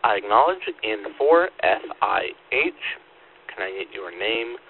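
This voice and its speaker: A man's voice: on the low side, lively intonation, unhurried. A man speaking over two-way radio as a net controller, in a formal, procedural check-in style, repeating details back. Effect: two-way radio transmission. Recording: phone-like radio static and hum. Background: radio static and hum.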